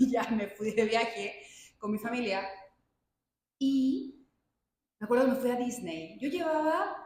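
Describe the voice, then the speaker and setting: A woman's voice: mid-range voice, slight background noise. A woman giving a personal testimony to a group, telling her story in a chatty, anecdotal way with asides. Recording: very echoey room sound.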